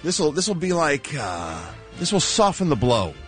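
A man working as a radio entertainment reporter, chatting casually with halting, repeated words for comic emphasis. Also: on the high side, sing-song, a bit bright, soft background music. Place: radio studio.

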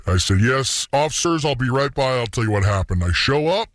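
A man's voice: medium pitch, animated, brisk, dry recording. A man telling a story on a radio show as an anonymous guest, his voice altered with a voice changer. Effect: voice changer disguise.

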